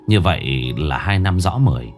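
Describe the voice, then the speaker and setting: A man's voice: a bass voice, lively intonation, normal speed, faint music behind. A man narrating a ghost story in a dramatic, suspenseful storytelling manner. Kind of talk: scripted horror narration.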